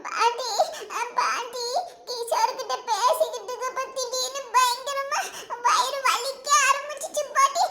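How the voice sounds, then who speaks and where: A voice actor doing a high, bright, wailing schoolgirl. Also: fairly even intonation, unhurried, roomy sound, heavily acted.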